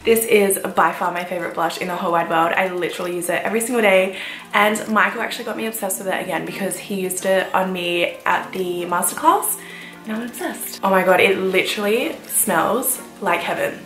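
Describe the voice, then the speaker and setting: A woman in her twenties vlogging her makeup routine in casual, enthusiastic chat, her voice croaky from the morning. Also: medium pitch, a little fast, a bit bright, reverberant, soft background music. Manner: bubbly, enthusiastic. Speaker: beauty vlogger.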